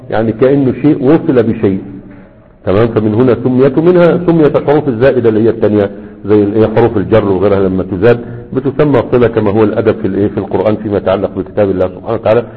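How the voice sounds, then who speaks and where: A man with an Egyptian Arabic accent teaching a grammar lesson, constantly quizzing his students with half-finished questions and checking they follow. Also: fairly low pitch. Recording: echoey room over a tinny, phone-like line.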